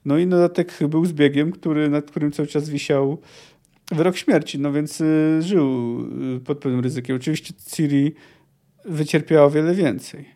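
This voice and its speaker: A man's voice: on the high side, steady tone, moderate pace, warm tone. A man hosting a book podcast, talking casually and thinking aloud, with frequent restarts and hesitations. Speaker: podcast host discussing a book.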